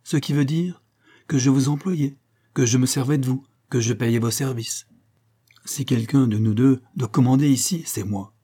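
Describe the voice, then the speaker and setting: A man reading the lines of a calm, haughty general baron in an audiobook, speaking with proud command. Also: medium pitch, moderate pace, slightly rough.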